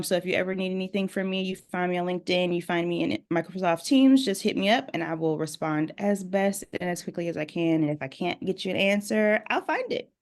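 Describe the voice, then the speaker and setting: Upbeat woman co-host, lowish voice. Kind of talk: webinar hosting. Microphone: video call.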